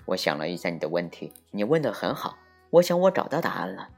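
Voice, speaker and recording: Figure: a loving dad in a children's storybook voiced by a man. Pitch: low, deep. Pace: quick. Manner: warm. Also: sing-song, creaky, slightly rough, faint music behind, full character voice.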